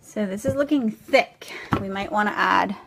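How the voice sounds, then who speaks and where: In a noisy home recording, a woman in her thirties with a French accent walks viewers through a smoothie recipe, constantly checking in with "okay?" and "guys" in a chatty way. Her mid-range voice is gravelly and moves at a normal speed.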